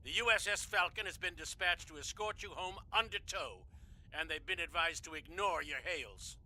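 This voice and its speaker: Male admiral, villainous, acted by a man: piercing, high, self-important, barks orders, sci-fi radio play. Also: expressive, moderate pace, pushed and bright. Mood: dismissive. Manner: barking, scornful. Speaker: voice actor. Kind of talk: science fiction audio drama acting.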